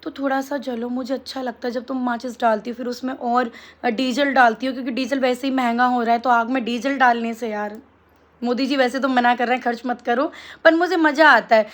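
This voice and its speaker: A woman's voice: fairly high pitch, steady tone, fairly quick. A young woman vlogging casually to camera, taunting and sarcastic as she answers critics. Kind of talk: casual vlog monologue to camera.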